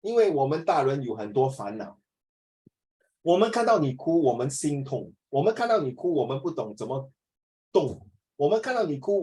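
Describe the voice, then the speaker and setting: A middle-aged man with a Singaporean English accent teaches a class, joking, drifting off topic and slipping into Chinese. His voice sits on the high side with a dark tone, and the recording quality is low.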